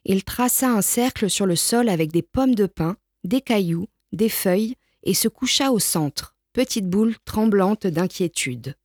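A woman reading a children's picture book aloud in a gentle, expressive way. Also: mid-range voice, unhurried, hardly any pauses, no echo, clean studio sound. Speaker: storyteller. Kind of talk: children's storybook read-aloud.

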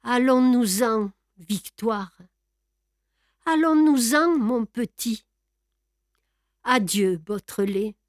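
A woman voicing a fierce, grief-struck gentleman thief in an audiobook, with loud, impassioned cries. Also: fairly high pitch, animated, very slow, long pauses, no echo, clean studio sound. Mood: weary. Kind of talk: audiobook character voice.

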